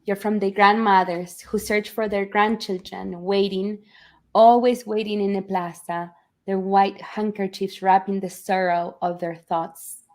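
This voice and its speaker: A woman's voice: medium pitch, steady tone, lightly acted. A woman reading as a tender old grandfather. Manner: slow, tender storybook reading. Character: wise loving old grandfather.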